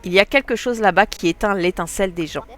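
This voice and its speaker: A woman's voice: medium pitch, quick pace, a bit bright, lightly acted. A woman with a stuffy nose voicing an upbeat, encouraging female game villager, reading the lines aloud.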